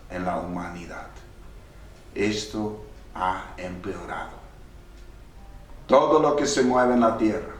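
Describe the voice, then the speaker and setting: Slow, low-voiced preacher in an echoey church. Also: male voice, a little hiss or hum. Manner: preaching with sudden rises in pitch and volume. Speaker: pastor. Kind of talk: sermon. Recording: echoey church hall from far off.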